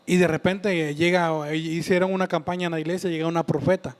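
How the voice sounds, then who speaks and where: High-voiced man giving testimony. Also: little pitch movement. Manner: earnest, halting, with frequent restarts and repeats. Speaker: church member giving testimony. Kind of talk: personal faith testimony.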